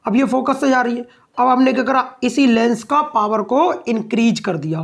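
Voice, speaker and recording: A man teaching science to a class, firing questions at the students and answering them himself. He repeats each key point, then slows right down to dictate notes word by word. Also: very high-pitched, creaky. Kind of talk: classroom lesson.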